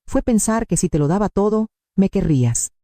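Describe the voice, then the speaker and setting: A woman narrating a dramatic story in the first person, steady and emphatic. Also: mid-range voice, moderate pace, no room sound, clean studio sound.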